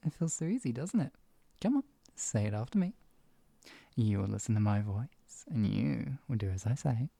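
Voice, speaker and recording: Someone playing a very mellow, soft-spoken hypnotist villain in role-play. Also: mid-range voice, no echo. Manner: soft coaxing murmur slipping into close speaks softly. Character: teasing, possessive villainous hypnotist soothing a captive pet.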